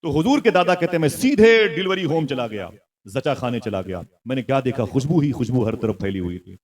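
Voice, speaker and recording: A man delivers a sermon in a mid-pitched voice, telling his story with fervour. He swells into loud exclamations and often urges his listeners to call back to him. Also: sing-song, a little fast. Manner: prompts the audience to call back. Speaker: preacher.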